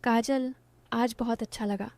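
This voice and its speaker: A woman's voice: fairly high pitch, fairly even intonation, unhurried, a little mellow, dry recording. A woman voicing a teasing young village guy.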